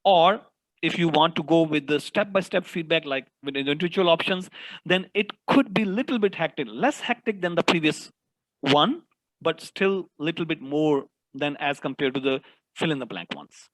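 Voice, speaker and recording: A man's voice: on the high side, normal speed, low-quality recording. A man presenting at an online workshop, eagerly explaining technical setup with frequent restarts. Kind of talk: answering technical questions.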